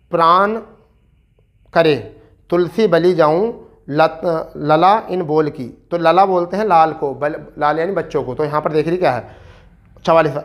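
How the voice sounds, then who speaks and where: Male exam-prep tutor, a touch high-pitched, coaxing and repetitive, hurrying students toward the answer. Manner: coaxing, repeats "ठीक है" often; recites verse slowly and deliberately. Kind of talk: explaining a practice test.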